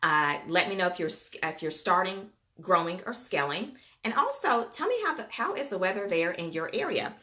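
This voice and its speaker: A livestream host who coaches daycare businesses chats casually with viewers in a folksy Southern US accent, calling them "you guys" and "y'all." Her bright, forward voice sits on the low side, expressive and homespun, at a moderate pace with few pauses. She has a Gulf Coast background.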